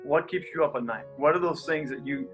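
Faint music plays behind this man as he talks a little fast in a voice on the high side. He's a pastor and coach with a stutter, chatting casually as an interview guest with lively energy and easy laughter.

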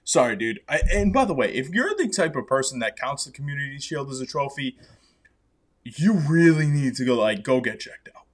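A man's voice: medium pitch, sing-song, a little fast. A man hosting a podcast, ranting emphatically with sarcasm in casual chat. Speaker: podcast host.

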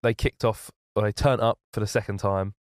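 A young man, calmly explaining the details of a trip in casual chat. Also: on the low side, a little fast, no echo, studio quality. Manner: calm, explanatory storytelling.

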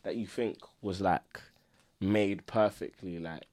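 A man's voice: deep voice, slow, a little mellow. A young man with a London accent, hosting a show with casual, slangy banter. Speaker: talk show host.

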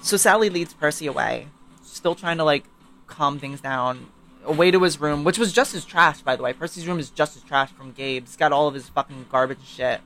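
A man recapping a novel in casual chat, animated and profane, sometimes reading passages aloud. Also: on the high side, normal speed, low-quality recording. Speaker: book podcast co-host.

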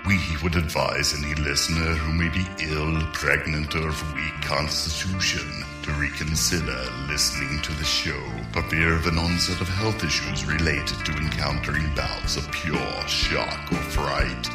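An ominous horror-show announcer, speaks in an extremely deep voice. The scripted intro is grave and theatrical, echoing over very loud music. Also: male voice, steady tone, normal speed, hardly any pauses. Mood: ominous warning.

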